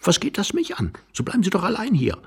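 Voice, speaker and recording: A man voicing an agitated, mocking young man hiding under a bed, talking urgently and often in a hushed voice. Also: high-pitched, wildly swooping pitch, fast, vocal fry, husky, voice pushed up, exaggerated voice.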